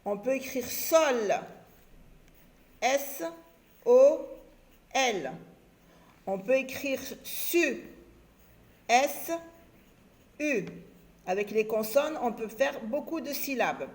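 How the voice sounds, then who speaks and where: For young children, a primary school teacher records a lesson, her voice a little high and animated. She repeats herself often while slowly spelling out letters and syllables.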